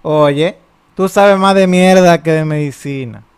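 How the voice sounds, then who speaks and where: A man's voice: on the high side, a little slow. A man with a Dominican accent chatting casually on a podcast in a teasing, slangy way. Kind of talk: casual group banter on a podcast.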